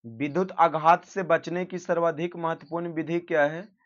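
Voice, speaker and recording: A man with a fairly high voice reads out exam questions one after another and answers each himself, in a steady teaching manner. The sound is dull and lo-fi. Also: moderate pace. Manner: reads questions then gives answers, self-correcting. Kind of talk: exam practice lesson. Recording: dull lo-fi recording.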